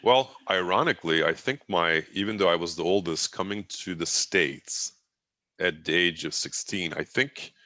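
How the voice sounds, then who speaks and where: A guest on a casual interview, this man from Turkey in his forties speaks Turkish natively and drifts through his life story, frequently starting again. His deep, sharp voice moves at normal speed, free of room sound.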